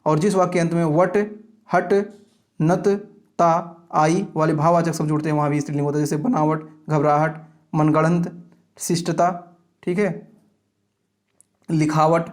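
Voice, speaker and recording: A man with a fairly high voice teaching an exam-prep grammar lecture. He reads out example words in steady lists and often pauses to check that his students are following.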